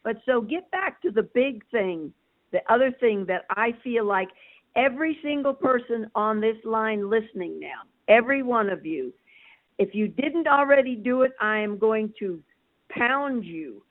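Over a tinny phone line, an older woman calls in to a show for a casual chat, speaking in a somewhat high, animated voice at an unhurried pace. She is emphatic and chatty, stacking up her points one after another.

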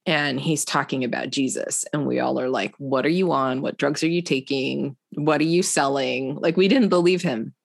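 A woman's voice: extremely low pitch, moderate pace, creaky, hardly any pauses, no echo, studio quality. A woman, a podcast guest telling her story in a casual chat and acting out the voices of other people. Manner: animated storyteller acting out quotes. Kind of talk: casual testimony conversation.

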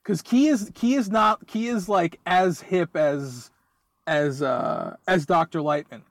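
A man co-hosts a casual podcast, joking, teasing and laughing often as he chats. His voice is high-pitched and slow-paced, captured dry with studio quality.

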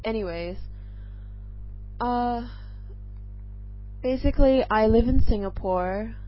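A young English woman with a mixed accent that leans mostly American hosts a casual solo podcast in a fairly high voice. She speaks slowly and nervously, rambling between thoughts with lots of ums. The recording is dull and lo-fi, with faint music beneath.

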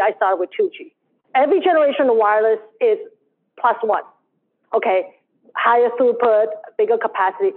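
A woman with a Chinese accent delivers a keynote to a conference crowd in an emphatic, conversational way. Her voice sits somewhat high. The audio is narrow and tinny, like a phone line. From China. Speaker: conference speaker. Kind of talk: keynote talk.

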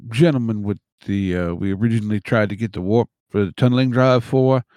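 A man's voice: lowish voice, brisk, a little mellow, dry recording, clean studio sound. A man playing an easygoing character in a tabletop role-play. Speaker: player.

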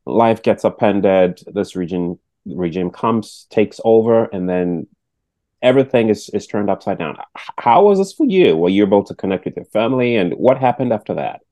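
A man's voice: lowish voice, lively intonation, normal speed, mellow, no room sound. A man hosting a podcast interview, earnest and reacting often with "wow". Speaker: podcast host.

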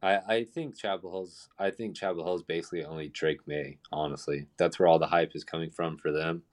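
A man with a deep, low voice is heard calling in over the phone, a little distant from the mic. He gives his picks in a loose, casual way and often stammers over the opening words of his sentences. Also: fairly even intonation, a little fast. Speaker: co-host giving betting picks. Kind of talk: casual sports betting chat.

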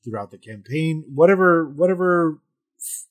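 A man's voice: a little high, lively intonation, moderate pace. A man speaking as a podcast host and game master, explaining casually with restarts and emphatic repetition. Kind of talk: casual explanatory chat about tabletop gaming.

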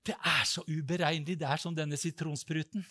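A man preaching a sermon, telling stories and acting out prayers with loud, high-pitched cries. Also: fairly even intonation.

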